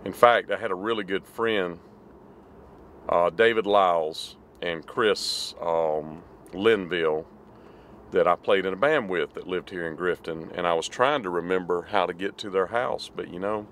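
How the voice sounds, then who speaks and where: Low-voiced man in his fifties. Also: measured pace, slight background noise. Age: 50s. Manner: relaxed, reminiscing. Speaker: vlog host. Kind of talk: casual chat and driving commentary. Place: living room, then a car.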